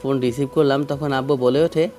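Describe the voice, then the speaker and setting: A man's voice: mid-range voice, steady tone, a little fast, a little mellow, faint music behind. A young man narrating a romantic audio story in the first person, with dramatic emotion.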